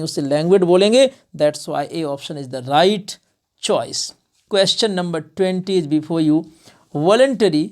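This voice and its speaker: A man teaching an online English exam-prep class, lively and direct, quizzing students and slowing down to read the English options aloud. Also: high-pitched. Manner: lively, drills answers, asks questions to the class; calls the class "my dear".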